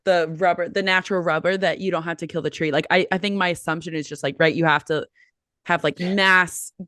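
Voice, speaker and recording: A woman's voice: on the low side, steady tone, a little fast, fairly bright tone, no room sound, studio quality. A woman hosting a casual podcast interview, asking long rambling questions full of fillers. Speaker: podcast host.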